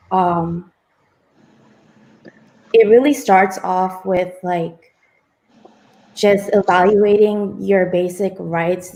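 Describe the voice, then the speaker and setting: A woman's voice: fairly low pitch, darkish tone, poor audio. A young woman speaking earnestly on a panel discussion, with many fillers. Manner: earnest, filler-heavy, emotional. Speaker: panel guest.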